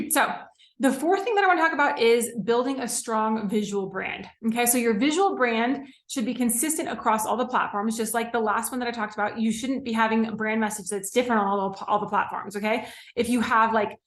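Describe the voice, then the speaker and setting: This is a young woman, a business coach, talking casually on a live stream. Her voice sits fairly high, and she fills her points with "like", "okay?" and "right?". The sound is roomy, with a clear echo around her. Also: a little fast. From California. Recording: echoey room.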